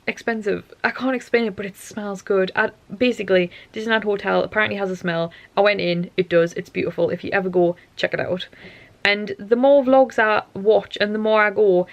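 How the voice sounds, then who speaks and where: A tired young woman vlogger, her voice going, rambles chattily to camera at home late at night, interrupting herself as she goes. It's a casual monologue in a mid-range voice, recorded with no room sound.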